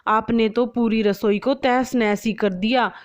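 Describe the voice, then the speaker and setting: A woman's voice: a little high, steady tone, unhurried, lightly acted. A woman voicing a young, bossy daughter-in-law who fusses over a spotless kitchen and scolds sharply. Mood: scolding.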